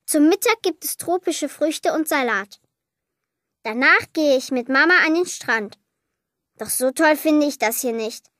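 A woman reading a children's Christmas story aloud, lively and lightly voicing the girl and her parents. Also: high-pitched, no echo, studio quality. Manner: lively, voices the child, mother and father lightly.

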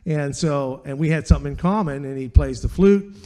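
An older man spins a rambling, chatty story, his voice mellow and set a little high for a man. He tosses in dude and man and talks in a relaxed, easygoing flow. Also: brisk. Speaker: flutist. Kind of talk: casual storytelling.

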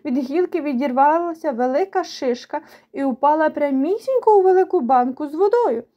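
A woman voicing a bold young girl in a children's storybook, telling a story in an eager, lively way. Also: high voice, fairly quick, lo-fi sound.

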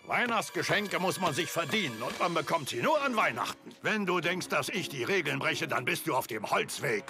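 Stern, theatrical old Santa Claus. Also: male voice, fairly high pitch, very animated, normal speed. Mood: stern, indignant. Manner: emphatic, lecturing, theatrical. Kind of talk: animated series dub acting. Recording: music behind.

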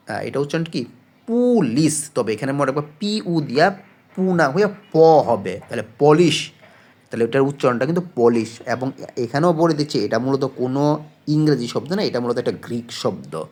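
A man talks students through exam questions in a relaxed spoken lesson. His voice sits at an ordinary middle pitch, and he pauses often on fillers. He keeps posing questions and answering them himself. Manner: explains patiently, asks and answers own questions; frequent hesitation fillers. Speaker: exam-prep tutor.

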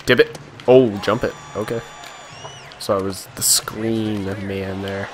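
A tired man casually commentating his own hockey video game, chatty and quick to react. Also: lowish voice, fairly even intonation, slight background noise.

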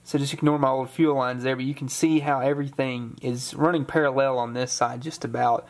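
A man's voice: medium pitch, brisk. Young man explaining car repair. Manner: relaxed, explanatory, with corny jokes. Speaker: car restoration vlogger. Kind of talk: hands-on how-to narration. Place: home garage.

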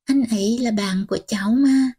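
Woman narrator voicing a defiant teenage girl, higher and soft, audiobook. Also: normal speed, slightly rough. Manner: pleading, defiant. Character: teenage girl, stubborn granddaughter, defiant and tearful.

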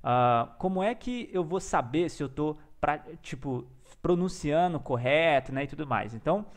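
Chatty man with a higher voice. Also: lively intonation, moderate pace. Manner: chatty, enthusiastic, peppers talk with slang and tags. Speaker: language learner and teacher. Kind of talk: casual vlog-style lesson.

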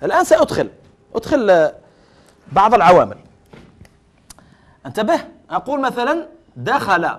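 A middle-aged man with an Algerian accent teaches Arabic grammar in a classroom full of students. His voice sits high and moves across a very wide, animated range. He slides between formal Arabic and dialect and keeps questioning the class before he answers himself. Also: fairly quick, long pauses. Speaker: Arabic language lecturer. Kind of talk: classroom lecture.

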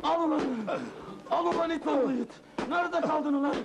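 A hot-tempered nightclub boss. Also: male voice, high voice, moderate pace, creaky. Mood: raging. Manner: explosive shouting, groaning and sighing. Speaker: nightclub owner. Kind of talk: 1970s film acting. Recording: film soundtrack with music behind.

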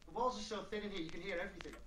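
A man's voice: high voice, rapid-fire, reverberant, distant mic, background noise, lightly acted. An actor playing a shifty young man who poses as a vampire, hesitant and crude. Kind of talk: horror game acting.

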